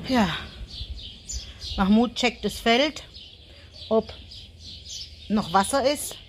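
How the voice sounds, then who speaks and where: A woman's voice: medium pitch, fairly bright tone. A German woman vlogging casually on a small farm, chatting and cooing at her animals and kids. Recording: faint farmyard noise, chickens.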